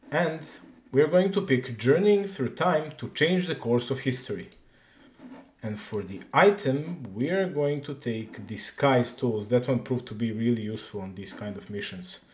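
Man, mid pitch, screen-recording voice-over, halting think-aloud delivery, echoey room with keyboard clicks. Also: a little mellow. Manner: thinks aloud, halting and chatty, reads prompts slowly as he types. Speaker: developer demoing his text game. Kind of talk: casual screen-recorded walkthrough, reading game text aloud.

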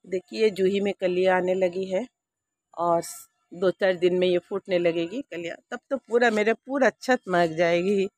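In a dry recording, a woman in her sixties vlogs an outdoor tour of her rooftop garden on a handheld phone, talking cosily and directly to viewers. Her voice sits on the low side, slightly mellow, at a normal speed.

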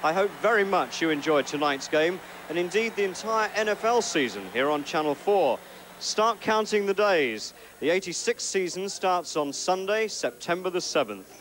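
A man hosting the studio coverage and signing off in a measured, formal presenter's manner. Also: high-pitched, lively intonation, fairly bright tone, slight background noise. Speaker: studio host. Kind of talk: broadcast sign-off.

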